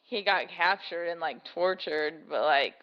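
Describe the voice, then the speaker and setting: A young woman co-hosting a casual podcast chat, animated and filler-heavy, swearing freely. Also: lowish voice, a little slow, dull audio. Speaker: podcast co-host.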